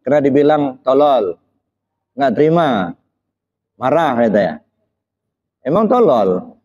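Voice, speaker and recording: Animated and measured in pace, a male Islamic preacher speaks in a mid-range, slightly mellow voice. He turns his religious talk into a dialogue, putting questions to listeners, insisting they answer, and tossing in frequent short "ya" checks. Recording quality is a little dull and muffled.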